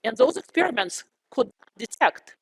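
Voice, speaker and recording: Woman lecturer talking thru a face mask, kinda high muffled voice, asks the class questions. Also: big pitch swings, normal speed, breathy edge. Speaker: physics lecturer. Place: lecture room.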